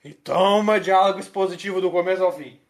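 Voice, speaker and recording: A man, co-hosting a podcast and explaining things in quick, conversational chat. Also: high-pitched. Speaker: podcast co-host. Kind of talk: casual chat.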